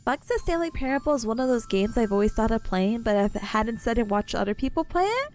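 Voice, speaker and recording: A woman's voice: a little high, sing-song, fairly quick, darkish tone. A woman streaming a game and chatting to viewers in a cutesy, bubbly, playful way. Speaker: streamer, VTuber host.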